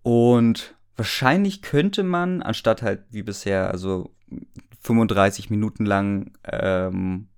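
A man's voice: fairly low pitch, slow, clean tone. A man reading a story aloud for comedy, amused, often laughing and breaking off to mock the text. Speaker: reader and commentator.

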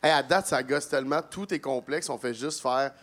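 A man's voice: mid-range voice, moderate pace, fairly bright tone. A man guest on a live podcast, joking and teasing the others with casual swearing. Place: live show in a cabaret venue.

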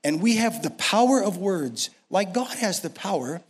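A man's voice: sits high, lively intonation, normal speed, breathy edge. A man in his sixties with an American accent preaching a sermon, emphatic and repeating phrases for effect. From United States. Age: 60s. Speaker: senior pastor, guest preacher. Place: speaking to a church congregation.

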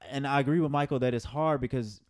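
A man's voice: mid-range voice, quick pace, darkish tone. Blunt, emphatic man in casual chat. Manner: blunt, emphatic, swears freely.

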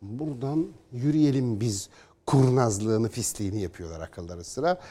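A man's voice: medium pitch, moderate pace. A man giving opinionated solo political commentary, sarcastic and combative, mocking opponents with put-on quotes. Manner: reads news passages aloud in a flatter tone.

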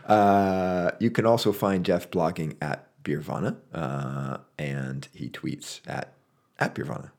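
Very deep, gravelly man hosting a podcast. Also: slow pace. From Oregon. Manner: joking, relaxed banter. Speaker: podcast co-host. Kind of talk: casual chat.

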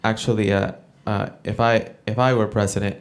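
A man from El Salvador doing a stand-up comedy set, with a halting delivery full of fillers and restarts. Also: on the low side, steady tone, noisy background. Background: audience laughter.

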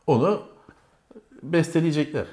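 A man bantering on a comedic talk show, teasing and quick with comebacks. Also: fairly high pitch, a little mellow. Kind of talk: comedic casual chat.

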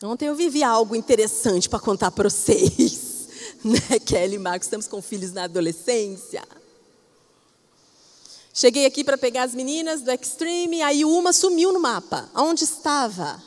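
A woman pastor with a Brazilian Portuguese accent preaching a sermon expressively, moving between loud emphasis and soft, hushed passages. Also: fairly high pitch, lively intonation, normal speed. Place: church. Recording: reverberant church hall.

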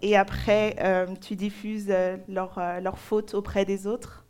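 This young Nigerian woman preaches a sermon in French, sharing a personal testimony in short phrases and pausing so an interpreter can follow. Her voice is medium in pitch, smooth and somewhat dark, with a flat delivery.

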